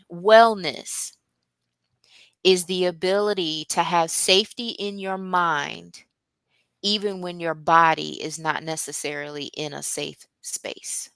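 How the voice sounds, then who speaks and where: Woman explaining mental health stuff at church, calm and earnest, smooth voice, dry close sound. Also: on the low side, no echo. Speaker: guest speaker on mental health. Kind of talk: teaching talk at a church.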